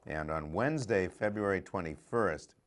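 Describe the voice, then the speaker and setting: Low-voiced older man chatting casually. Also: lively intonation, moderate pace. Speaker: community show co-host. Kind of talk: casual chat.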